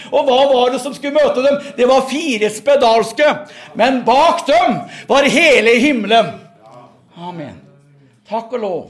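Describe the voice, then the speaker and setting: A man preaching a revival sermon and testimony, fervent, repeating words and punctuating with amen. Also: extremely high pitch.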